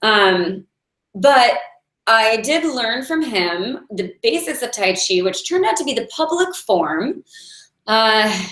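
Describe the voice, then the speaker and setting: A woman's voice: on the high side, sing-song, slow, a bit bright. A woman in her forties giving a chatty, earnest inspirational talk as a meditation teacher, laughing now and then between thoughts. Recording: echoey room.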